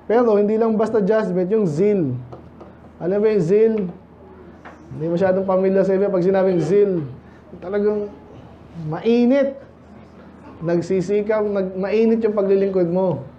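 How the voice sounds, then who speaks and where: A pastor from the Philippines giving a conversational sermon, asking many rhetorical questions and reading Bible verses slowly in English. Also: male voice, sits high, fairly even intonation, highs cut off, slight background noise.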